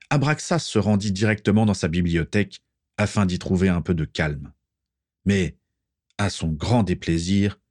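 A man narrating a story aloud in a steady, measured way. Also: sits low, dry recording, clean studio sound. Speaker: reader. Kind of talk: audiobook narration.

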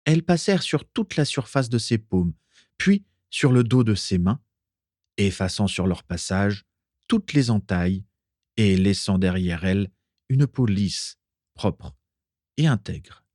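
A man reads a storybook aloud in a low voice. His intonation moves expressively through the narration. The sound is dry and close. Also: lively intonation, measured pace, darkish tone, dry recording. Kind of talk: audiobook reading.

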